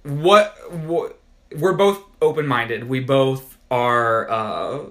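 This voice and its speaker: A man co-hosting a podcast in loose, easygoing conversation. His voice sits at an ordinary middle pitch, and he wanders through his points with frequent fillers and restarts. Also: drawn-out words, a bit bright. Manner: rambling, full of "like" fillers and restarts. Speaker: podcast co-host. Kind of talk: casual chat.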